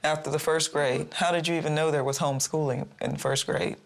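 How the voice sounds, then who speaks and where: A woman's voice: low-pitched, steady tone, brisk. A middle-aged woman on a reality show, blunt and confrontational, scolding and lecturing in a heated argument.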